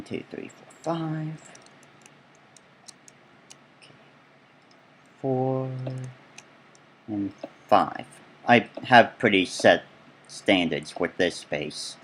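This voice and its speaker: A man's voice: fairly low pitch, fairly bright tone, a little hiss or hum. A man giving casual, rambling gameplay commentary as he tours his own build, full of chatty asides. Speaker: let's play gamer.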